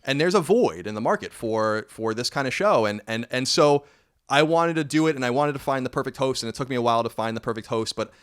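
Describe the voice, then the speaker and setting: A man's voice: medium pitch, expressive, fast talker, a bit bright, clean tone. A man in his thirties hosting a casual podcast, rambling and correcting himself with wry asides. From United States. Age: 30s. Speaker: podcast host.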